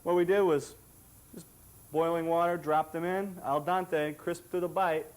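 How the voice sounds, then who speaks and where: A man's voice: on the high side, fairly even intonation, measured pace. A man co-hosting a cooking demonstration on an old TV show, chatty and jokey, pleased with his own dishes. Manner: jokey, chatty, self-satisfied.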